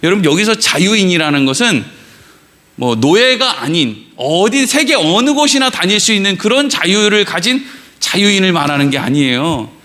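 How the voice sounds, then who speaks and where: A man's voice: sits high, sing-song, normal speed, bright, forceful tone. A middle-aged man preaching a sermon in church, telling a story with lots of questions to the congregation and acting out the characters' lines. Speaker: pastor. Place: church sanctuary.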